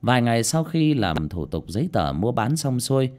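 A man narrating a ghost story as an audiobook storyteller, expressive and lively. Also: mid-range voice, moderate pace.

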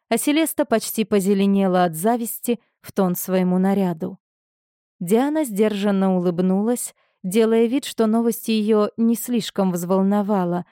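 A woman reads an audiobook in a measured, expressive narration. Her voice sits at a middle pitch. The recording is dry and close, with no room echo.

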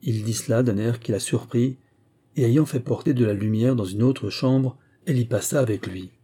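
A man reading a novel aloud in measured scripted narration. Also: medium pitch, mellow, slightly rough. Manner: measured, literary. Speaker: audiobook narrator.

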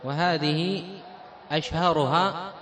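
Man teaching a religious class, bit high and bright, asks the students stuff and stretches words out to show how to say them. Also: fairly even intonation, slow. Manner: quizzes the students and draws words out to show pronunciation. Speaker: Islamic teacher. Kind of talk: religious lesson.

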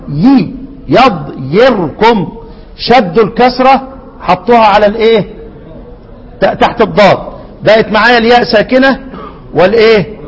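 Egyptian man, quran teacher, high voice, quizzing questions, reverberant hall. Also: husky. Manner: quizzing students with rhetorical questions, slow deliberate repetition. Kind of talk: lesson explaining a classical poem on Quran readings.

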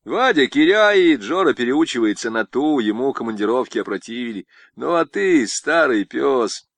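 A man's voice: medium pitch, lively intonation, normal speed, vocal fry, no echo. A man voicing a wry, cocky pilot. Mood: wry banter. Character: self-assured stocky male pilot, wry.

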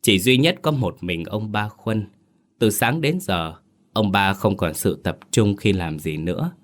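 A man telling a ghost story in steady, suspenseful scripted narration. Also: on the low side, unhurried. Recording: faint music underneath.

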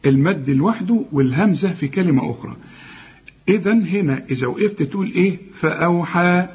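A man with an Egyptian accent leads a Quran recitation lesson. He repeats and corrects words, stretching them out slowly. His voice is very husky and sits a little high, on a muffled lo-fi recording. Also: lively intonation, darkish tone. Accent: Egyptian Arabic. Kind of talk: tajweed lesson with recited examples.

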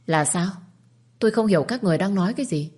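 Woman reads icy, defiant young wife; fast, cutting replies. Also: on the low side, lively intonation, darkish tone, husky, pitched above the performer's own voice. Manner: cutting, rapid retorts.

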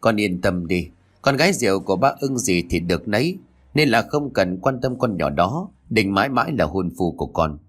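A man's voice: on the low side, very animated, moderate pace, fairly bright tone, breathy edge, heavily acted. A man voicing a doting, domineering middle-aged father in a read-aloud story. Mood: indulgent.

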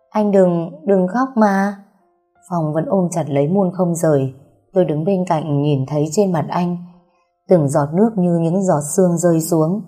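A woman narrating a first-person romance story in a soft, measured reading. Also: lowish voice, slightly rough. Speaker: audiobook narrator. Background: faint background music.

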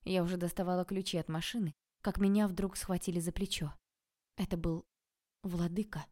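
Low mellow woman narrating an audiobook. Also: steady tone, moderate pace. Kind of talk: first-person audiobook narration.

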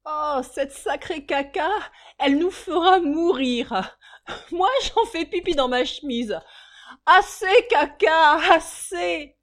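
A woman voicing rowdy café women who shriek loud, high cries. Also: animated, slow. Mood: hilarious.

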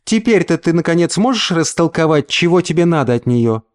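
A man voicing a cold, scornful mother who speaks in sharp, mocking retorts. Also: fairly high pitch, big pitch swings, a little fast, voice pushed up.

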